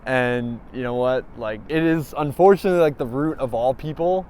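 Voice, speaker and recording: A man's voice: medium pitch, moderate pace, a little mellow, slight background noise. A man speaking bluntly and casually in a street interview, swearing freely and laughing lightly.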